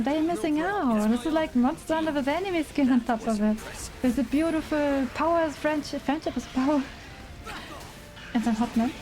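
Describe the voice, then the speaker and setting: A German woman with a high-pitched voice and a German accent chats casually as a game streamer, giggly and enthusiastic, during a livestream. The recording is rough, and music plays in the background.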